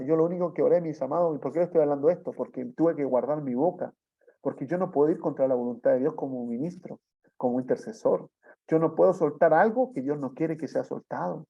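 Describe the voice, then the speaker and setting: Gravelly preacher telling a testimony. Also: male voice, fairly high pitch. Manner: storytelling with frequent tag questions. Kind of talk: sermon testimony. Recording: dull lo-fi sound.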